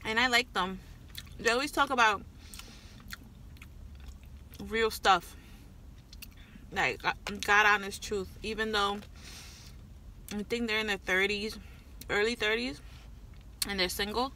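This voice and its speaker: A woman's voice: mid-range voice, slow pace, pauses often, bright, forceful tone, a little hiss or hum. Chatty woman talking with her mouth full. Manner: chatty and candid, rambling with fillers. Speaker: food vlogger. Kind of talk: casual chat while eating. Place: inside a parked car.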